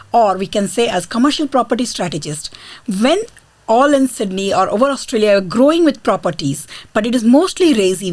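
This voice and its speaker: Effusive woman hosting a podcast. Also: mid-range voice. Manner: effusive, encouraging. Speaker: podcast host.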